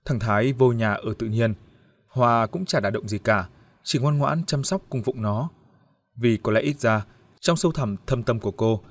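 A man reading a grim family tragedy aloud as an audiobook narrator, steady and grave. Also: medium pitch, no echo.

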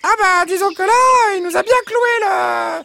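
A woman's voice: very high-pitched, a little slow, vocal fry, sharp tone, slight background noise, heavily acted. A woman voicing three fussy, flustered farmyard hens in a children's audio story, hesitating and stammering as they talk. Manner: hesitant, full of "bah" and "euh".

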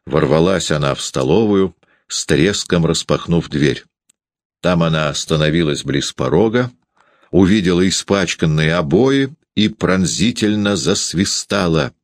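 A man reading a classic novel aloud as an audiobook narrator, in an expressive storytelling manner. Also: low voice, no room sound, studio quality.

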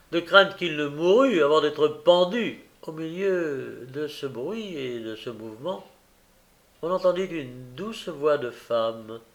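Slow, measured male audiobook narrator. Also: fairly high pitch. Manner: measured, expressive reading. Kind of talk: scripted narration.

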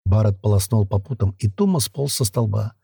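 Husky, dark-voiced male narrator. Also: fairly low pitch, expressive, fairly quick, no echo, clean studio sound. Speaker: audiobook narrator. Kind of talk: scripted fantasy narration.

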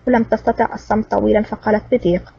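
Fast, husky woman narrating an audiobook. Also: medium pitch, steady tone. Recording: distant, dull lo-fi recording.

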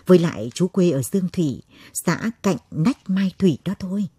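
A woman storyteller narrates in a slow, measured way. Her voice is very husky, low and mellow, and the recording is close and dry. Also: expressive, no room sound.

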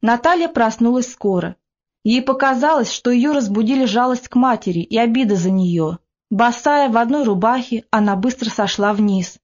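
A woman narrating classic prose in a measured, even reading. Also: on the high side, dull audio. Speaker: audiobook narrator.

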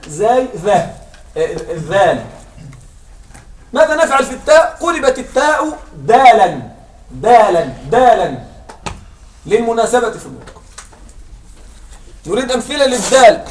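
A man with a very high voice teaches Arabic grammar to a class. He works through the rules patiently and keeps asking whether everyone is still with him. Faint background noise sits under the recording. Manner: keeps checking that students follow, asks and answers his own questions.

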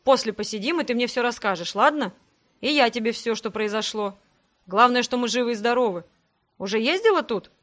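A woman's voice: a little high, brisk. Woman doing a big joyful half-troll man. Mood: eager. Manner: loud and excited.

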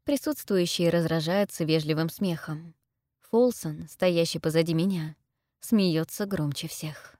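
A young adult woman narrating a first-person story as an audiobook reader, in a steady, measured way. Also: deep voice, no room sound, studio quality.

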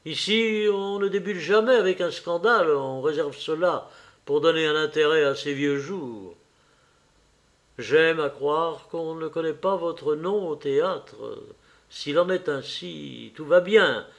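A worldly, cynical aristocrat, read aloud by a man, speaking with a languid, ironic drawl. His voice sits a little high for a man and unhurried, every line savored. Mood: grave. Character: witty worldly English aristocrat, urbane cynic. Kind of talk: audiobook character reading.

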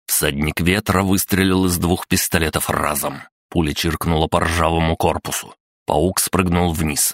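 A man narrating a story as an audiobook reader, steady and measured. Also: sits low, no room sound, studio quality. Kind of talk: scripted narration.

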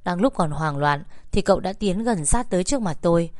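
A woman giving measured, somber first-person audiobook narration. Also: lowish voice, expressive, a little mellow, no echo, clean studio sound.

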